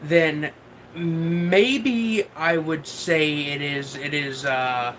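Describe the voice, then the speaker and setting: Bright-voiced man rambling on a drunk livestream. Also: a little high, a little hiss or hum. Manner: hesitant, halting, losing his thread; casual swearing. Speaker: livestream host. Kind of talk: casual rambling livestream chat answering viewers.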